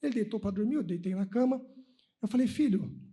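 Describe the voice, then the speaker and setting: A man's voice: high-pitched, brisk. A man in his thirties from Brazil giving a spiritist lecture at a conference, telling personal stories and acting out the dialogue. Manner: animated storytelling, acting out dialogue. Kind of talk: sermon-like talk with personal stories. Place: lecture hall at a religious conference.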